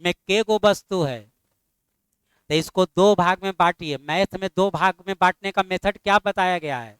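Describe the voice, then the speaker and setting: A middle-aged man teaching a math class, firing constant questions at his students and scolding them mildly when they are slow. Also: high voice, fairly bright tone, clean tone, no echo.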